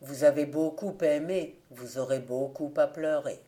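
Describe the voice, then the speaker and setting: A woman voicing an older village priest who speaks gravely and gently, lower than her own voice. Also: steady tone, measured pace. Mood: sorrowful.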